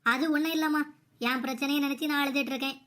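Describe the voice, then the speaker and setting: A woman's voice: sits high, fairly even intonation, fast talker, natural voice. A woman voicing a patient, submissive young daughter-in-law in a cartoon comedy. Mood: sad. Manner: soft, apologetic, pleading.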